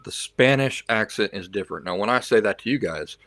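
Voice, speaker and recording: This livestream host has a lowish, expressive, slightly bright voice and a brisk delivery, with no room sound in the recording. He chats casually with viewers, reacts to their comments, and now and then slips into learner's Spanish.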